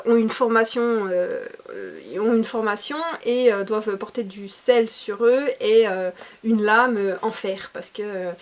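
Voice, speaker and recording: A woman talking casually and enthusiastically about books she has read, chatty with many hesitations. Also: a little high. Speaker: book reviewer.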